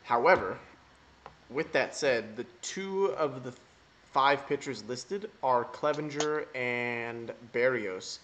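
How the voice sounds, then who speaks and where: A man's voice: mid-range voice, slow pace, fairly bright tone, a little hiss or hum. A man hosting a casual fantasy baseball podcast, jokey and emphatic, swearing casually. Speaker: fantasy baseball analyst host.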